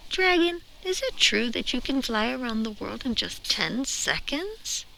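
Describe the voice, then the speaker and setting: A woman's voice: sing-song, a little slow, gravelly, bright, forceful tone, exaggerated voice, low-quality recording. A woman voicing a bold, determined, clever young storybook princess with emphatic delivery. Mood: coaxing. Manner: high, emphatic, exclaiming delivery. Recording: noticeable background noise.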